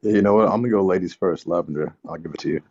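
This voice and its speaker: Very deep-voiced laid-back man. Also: very fast, darkish tone, a little hiss or hum. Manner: laid-back, loose, with many fillers. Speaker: co-host. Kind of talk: casual wrap-up. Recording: dull lo-fi online audio.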